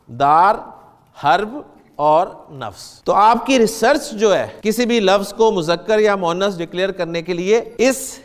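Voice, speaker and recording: A man's voice: high-pitched, clear, resonant tone, in a large hall. A man teaching a beginners' grammar lesson, patiently explaining step by step and asking the class questions.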